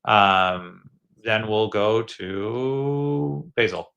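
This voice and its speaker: Bright-voiced man coaching on a call. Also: fairly low pitch, drawn-out words, gravelly, lo-fi sound. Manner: encouraging, often restarting phrases. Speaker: host giving feedback to fan designers. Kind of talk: casual coaching chat.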